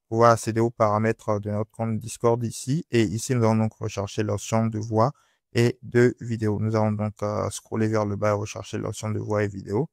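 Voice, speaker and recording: A man presenting an unscripted software tutorial in a hesitant, repetitive step-by-step manner, recorded close as a voice-over. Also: on the low side, no room sound.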